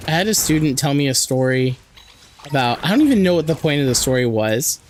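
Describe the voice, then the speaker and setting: Hoarse man chatting on a game stream. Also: a little high, animated, brisk, a little hiss or hum. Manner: chatty, joking, reads and answers chat. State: hoarse from a sore throat. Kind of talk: casual live-stream chat while playing.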